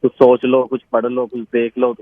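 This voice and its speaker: A man's voice: medium pitch, monotone, moderate pace, no echo. Exasperated man on a muffled phone line. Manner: exasperated and bewildered. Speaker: prank call victim.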